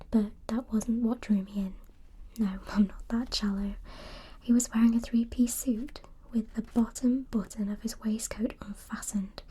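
A woman reading a novel aloud in a breathy, mostly unvoiced ASMR whisper. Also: fairly high pitch, mellow.

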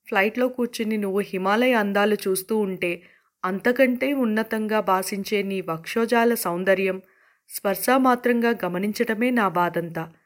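A man's voice: high voice, normal speed, natural voice. A woman reading as a young man who is lovesick. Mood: lovesick pleading. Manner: poetic, pleading, then fumbling. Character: young man smitten, stammering a flowery confession.

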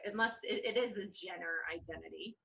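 A woman's voice: fairly low pitch, a little fast, vocal fry, a bit bright, poor audio. A woman co-hosting a podcast, joking playfully in casual chat. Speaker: podcast co-host.

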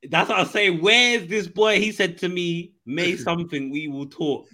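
A man with a London roadman accent and a sharp, fairly high voice trades casual football banter. He is dismissive and slangy, often saying things twice. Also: moderate pace. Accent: London, urban street slang. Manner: slangy, dismissive, repeats himself.

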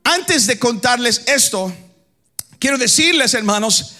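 A preacher from the Dominican Republic delivers a fervent sermon in a strikingly high, bright, ringing voice, expressive and at a measured pace. He swings between shouted lines and sing-song chanting, repeatedly addressing the congregation as his brothers.

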